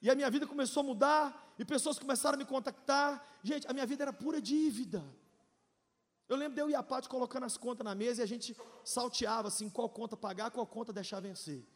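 A very high-pitched Brazilian man in his forties preaches a personal testimony, his voice ringing with a long hall reverb. He moves between loud, shouted peaks and soft, confiding asides, slipping in jokes along the way. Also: quick pace. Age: 40s. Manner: emotional storytelling, swings from shouting to hushed, joking. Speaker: pastor. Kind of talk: testimony sermon.

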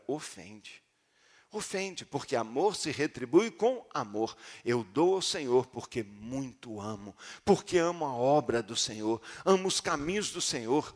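A man preaching a sermon as pastor, dramatic and swinging between hushed and loud delivery. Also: fairly high pitch.

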